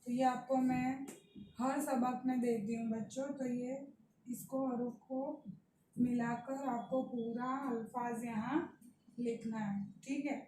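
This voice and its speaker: A woman's voice: on the high side, steady tone, noisy background. A woman teacher with a Pakistani Urdu accent, patiently explaining a lesson to young children. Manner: slow, patient, addresses children directly. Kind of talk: primary school lesson. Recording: echoey room, mic at a distance.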